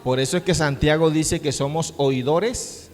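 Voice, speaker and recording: A middle-aged man preaching a sermon as pastor, swinging from hushed words to shouts. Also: fairly high pitch, normal speed. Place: church sanctuary. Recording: long church-hall reverb.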